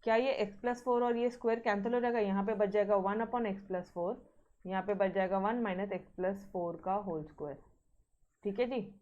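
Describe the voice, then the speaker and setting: A woman's voice: medium pitch, steady tone, moderate pace, a little mellow, muffled recording. A woman teaching a maths class, mixing Hindi with terms, often checking in with her students and sternly reminding them to practise. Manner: mixes Hindi with English terms.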